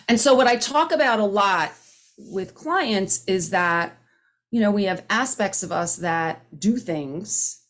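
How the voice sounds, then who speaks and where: A woman in her fifties giving a personal share at a recovery meeting, earnest and conversational, often restarting her sentences. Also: on the low side. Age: 50s. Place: home, speaking on a video call. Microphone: video call microphone.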